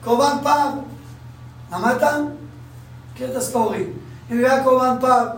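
High-voiced man teaching in an echoey hall. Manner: repeats phrases, quizzes listeners, acts out quotes. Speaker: religious teacher. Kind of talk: Talmud class. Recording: echoey room from far off, faint noise.

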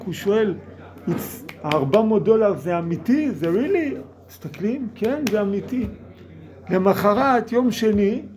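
High-voiced man telling a sermon parable. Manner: animated storytelling, acting out the characters' lines; drops English words into his talk. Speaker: religious speaker.

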